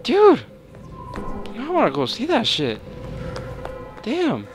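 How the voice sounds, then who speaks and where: Young man, horror game commentary, high lively voice, panicky swearing, game music behind. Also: slow. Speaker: gameplay streamer.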